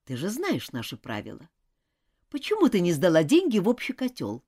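A woman's voice: medium pitch, wildly swooping pitch, normal speed, a little mellow. A woman voicing a strict, indignant older schoolgirl who questions insistently in a storybook reading.

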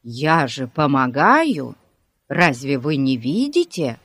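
A reader voicing a fat, smug boy who drags out his words slowly. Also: mid-range voice, big pitch swings, fairly bright tone, breathy edge, no echo, pitched below the performer's own voice, full character voice. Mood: drawling. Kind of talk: audiobook character voice.

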